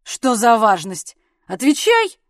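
A woman voicing a loud drunken bully husband. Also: sits high, moderate pace, dry recording, studio quality, lightly acted. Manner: shouting, blustering and rough. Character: drunken brutish English gentleman husband, bullying.

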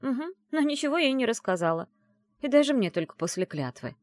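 A woman reading an audiobook and voicing a brash, teasing young woman who is the heroine's best friend, talking in a loud, mocking, bossy way. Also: high voice, big pitch swings, fairly quick, no room sound, studio quality, voice pushed up.

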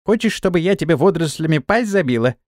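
Sharp-tongued maidservant, as a male reader puts her on: preachy, pitched up, lively. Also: quick pace, no room sound, clean studio sound, lightly acted. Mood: scolding. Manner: scolding, preachy. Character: sharp-tongued blunt female servant.

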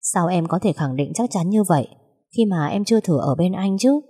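Storybook young male suitor, steady and teasing, read by a woman, husky lowish voice. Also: normal speed, big-room sound. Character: young man, calm, teasing, persistent suitor.

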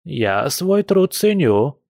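A male narrator lifts his voice into a grumbling old village granny who wheedles and drags out her words, pitched higher than his own plain reading. Close and dry, with no room around it. Storybook character reading. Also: very animated, a little mellow, no room sound. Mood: grumbling, wheedling. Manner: folksy, wheedling, drawn-out speech. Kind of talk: audiobook character voice.

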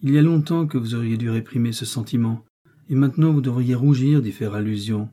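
A man's voice: mid-range voice, brisk, warm tone, natural voice. A man voicing a stern, devout young clergyman who speaks in a grave, reproving way.

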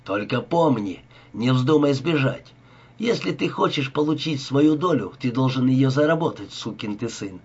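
A man's voice: mid-range voice, animated, moderate pace, slightly rough, dull audio. Man doing a brutal menacing gangster. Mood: threatening. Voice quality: harsh, menacing. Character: brutal male gangster, threatening and impatient.

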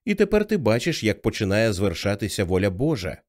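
Give me a man playing a fervent, hysterical middle-aged mother with a lively, swinging voice. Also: on the low side, brisk. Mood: bitter. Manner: fervent, rising to hysterical cries. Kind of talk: audiobook character reading.

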